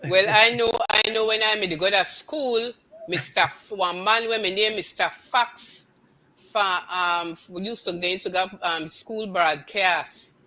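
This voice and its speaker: Older Belizean Creole-accented woman, very bright, forceful voice, insistent and repetitive in casual chat. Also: medium pitch, unhurried, low-quality recording. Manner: emphatic, insistent, repeats phrases.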